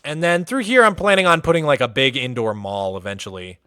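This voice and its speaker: Smooth and mid-range, this male voice runs a little fast in a dry recording. He's from Massachusetts, USA, casually livestreaming while touring a game world, his chatter loose and relaxed with many "like" fillers.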